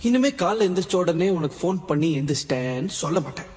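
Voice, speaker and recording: A man's voice: a little high, big pitch swings, quick pace, heavy background noise. An actor playing a sulky teenage boy who insists again and again that he is not in love. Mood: sulking. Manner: repetitive, petulant, half-laughing. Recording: long hall reverb.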